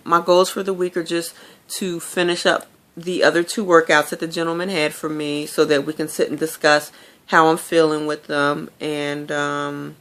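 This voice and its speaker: A woman's voice: on the low side, fairly bright tone. A woman talking candidly to her viewers in a casual video diary, telling stories with lots of fillers. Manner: chatty, candid storytelling with many fillers. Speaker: vlogger.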